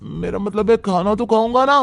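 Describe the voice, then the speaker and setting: A man's voice: high-pitched, normal speed, creaky, a bit bright, no echo. A man voicing a lazy, whining young son-in-law who makes excuses in a cartoon. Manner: whiny, complaining.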